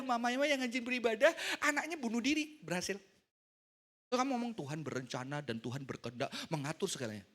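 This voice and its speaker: A man's voice: sits high, a bit bright. A middle-aged man preaching a casual, joking sermon to a youth service, mixing in English words.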